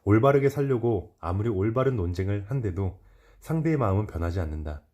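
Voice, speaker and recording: Guy reading a self-help book out loud, lowish mellow voice, steady and calm. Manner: calm, measured reading with occasional slips and corrections. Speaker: reader.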